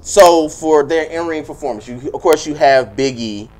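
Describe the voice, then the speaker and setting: Emphatic man chatting, fairly high voice. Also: normal speed, darkish tone. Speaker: wrestling podcast panelist. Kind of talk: casual sports chat.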